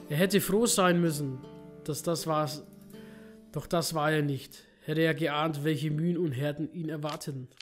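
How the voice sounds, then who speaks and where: A man hosting a game playthrough, reading in-game books aloud with small slips he corrects. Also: fairly high pitch. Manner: reads narration steadily, with small slips and self-corrections. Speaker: let's play host.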